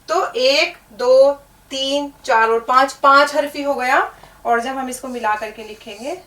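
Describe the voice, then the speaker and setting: High-voiced woman teaching Urdu, echoey room. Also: bright, forceful tone. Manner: explains word meanings and spells letters slowly, checks in with the learner. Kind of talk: spoken language lesson. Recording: echoey room, mic at a distance.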